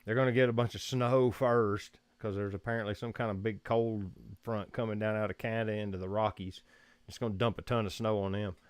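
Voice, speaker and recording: Man, Southern US accent, casual live-stream host, rambling, chuckles a lot, lowish voice. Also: steady tone, a little fast, clear, resonant tone, no room sound. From Georgia, US. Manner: rambling, easygoing, chuckles often. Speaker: photography livestream host. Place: room at home.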